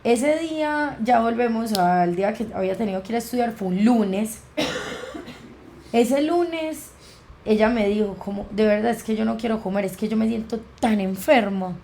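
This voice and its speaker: A woman's voice: a little high, moderate pace, gravelly, mellow, slight background noise. A young woman with a Colombian accent, a podcast guest telling a personal story and acting out the dialogue as she goes. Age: young adult. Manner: vivid retelling that acts out quoted dialogue.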